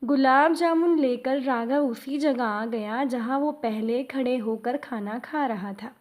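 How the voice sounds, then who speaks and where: A woman narrating a devotional moral story in a calm manner, addressing her congregation. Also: fairly high pitch.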